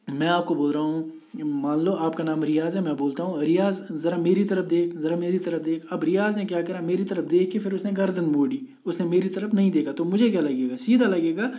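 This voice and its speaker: Man, high and mellow, patient classroom lecturer who keeps checking that students follow. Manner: explains slowly, often asking "theek hai?". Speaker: teacher. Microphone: voice only, no camera.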